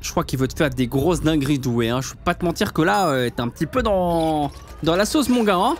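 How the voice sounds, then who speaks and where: A man's voice: fairly high pitch, animated, fairly quick, soft background music. A young man with a French accent reacting to animations in slangy, exclamatory casual commentary. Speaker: reaction video host.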